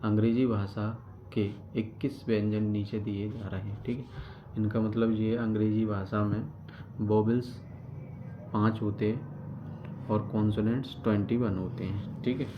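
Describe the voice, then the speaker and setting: Guy teaching grammar, low flat voice, keeps asking n answering his own questions, dull noisy recording. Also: unhurried. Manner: explains step by step, repeats key terms, asks and answers his own questions. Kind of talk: classroom grammar lesson. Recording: dull lo-fi recording with background noise.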